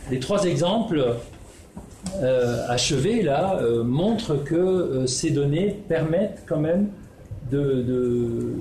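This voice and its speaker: A man presents his research in a halting way, full of fillers and restarts. His voice is mellow and warm. It sounds like an echoey room with faint background ambience. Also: medium pitch, slight background noise. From Netherlands. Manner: hesitant, many fillers and restarts. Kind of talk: spoken presentation.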